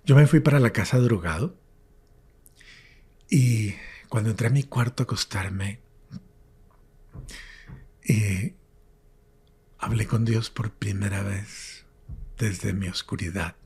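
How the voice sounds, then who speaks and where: A priest, an older man, earnestly telling his life testimony in an interview and dropping to a hush when recalling his prayers. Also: fairly low pitch, slow pace, gravelly, pauses often, husky. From Colombia. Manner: earnest storyteller, drops to hushed whispers when recalling prayers.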